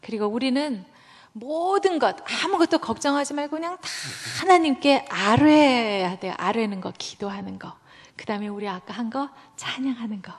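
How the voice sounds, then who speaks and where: A middle-aged woman, a church elder, giving a testimony with lively storytelling, acting out the voices she quotes. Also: a little high. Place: church sanctuary. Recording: long reverb of a church hall.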